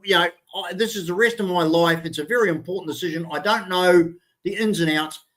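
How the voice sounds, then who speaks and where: A man holds forth in a casual streamed chat, voice sitting high for a man. He talks bluntly, swears freely, and trips over restarts as he makes his point. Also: a little fast, a bit bright. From New Zealand. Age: 60s. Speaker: show co-host.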